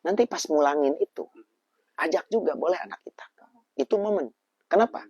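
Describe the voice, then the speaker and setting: A man, a preacher guest telling lively, animated stories about raising children. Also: fairly high pitch, a little fast, slightly rough, dry recording, dull audio. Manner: animated storyteller. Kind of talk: casual religious talk.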